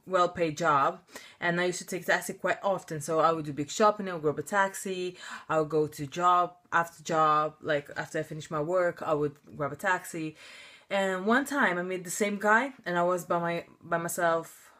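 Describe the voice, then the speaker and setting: A young woman vlogging a rant with a slightly low voice. She talks chattily, fills her speech with "like" and "you know", and sounds indignant. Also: moderate pace, fairly bright tone. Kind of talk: casual ranting storytelling.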